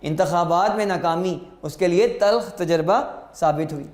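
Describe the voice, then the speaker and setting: A man teaching English vocabulary, slowly dictating words and meanings and repeating them for students. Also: high-pitched, a little mellow, echoey room. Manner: slow, deliberate, repeats words for students to note down.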